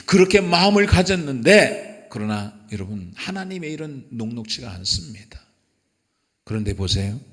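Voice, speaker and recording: A man's voice: medium pitch, sing-song, normal speed. A male pastor preaching a sermon emphatically, recorded in a church sanctuary. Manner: emphatic preaching, acting out quotes. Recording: echoey church hall.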